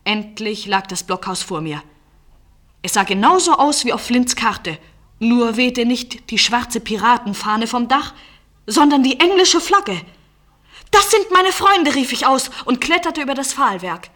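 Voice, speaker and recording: Woman narrator, scripted first-person storytelling, measured, slightly higher voice. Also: animated, fairly bright tone.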